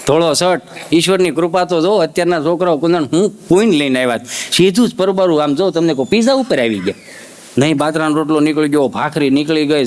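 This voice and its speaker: A man with a Kathiyawadi accent tells jokes with a high, swooping voice that rises and falls. His delivery is animated and full of playful punches. Faint noise hums behind him. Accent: Kathiyawadi Gujarati. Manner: animated, lively storytelling. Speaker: stand-up comedian. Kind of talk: Gujarati joke telling on stage.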